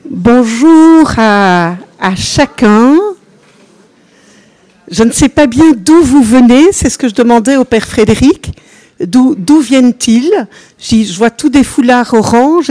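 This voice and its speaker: An older Belgian nun, a consecrated religious sister, gives an informal religious teaching to a group in Belgian-accented French. Her fairly high, mellow voice is slow and unhurried, chatty with asides, sprinkled with "voilà," and she engages her listeners.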